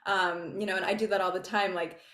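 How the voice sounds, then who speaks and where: A woman dating coach talking in a casual interview, animated, laughing often and acting out what her clients say. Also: medium pitch, fast, echoey room.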